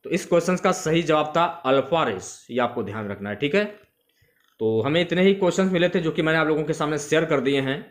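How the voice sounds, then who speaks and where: Going over exam questions, this coach teaches students and drills the important facts again and again. He speaks fairly quickly in a voice on the high side.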